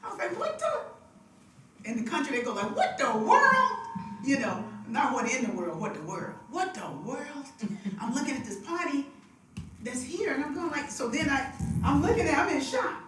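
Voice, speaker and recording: Her voice sits high and bright, swinging widely in pitch, as this woman hosts a live devotional and sings. She chats, laughs often and stretches out her stories in a casual spiritual talk. A stage microphone with monitor feedback captures her from a distance in an echoey music room.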